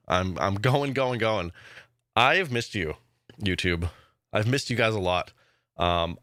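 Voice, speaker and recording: A man giving a casual vlog update as a gaming YouTuber, excited and rambling with lots of fillers. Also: mid-range voice, dry recording, studio quality.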